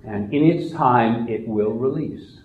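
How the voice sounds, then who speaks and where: A man leading a guided relaxation meditation in a slow, soft, soothing manner. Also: mid-range voice, echoey room, narrow, tinny audio, a little hiss or hum.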